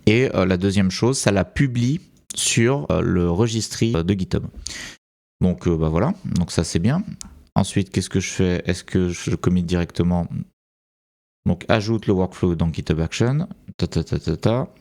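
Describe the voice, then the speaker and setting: Deep-voiced and a little slow, with vocal fry and a darkish tone, a man with a French accent guides viewers through a screen-recorded tutorial. He hesitates a lot, filling gaps with fillers while thinking out loud.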